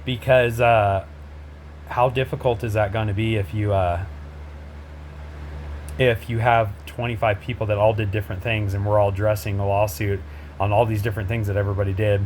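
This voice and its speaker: A man hosting his own show, bluntly addressing people directly to camera in a confrontational way, with many pauses and fillers. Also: lowish voice, little pitch movement, a little mellow, a little hiss or hum. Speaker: host, a father speaking out.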